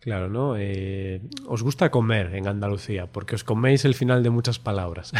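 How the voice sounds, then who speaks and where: A man hosts a relaxed podcast conversation. He talks in an explanatory way and keeps checking in with his co-host through little tag questions. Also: on the low side, normal speed. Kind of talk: casual podcast chat.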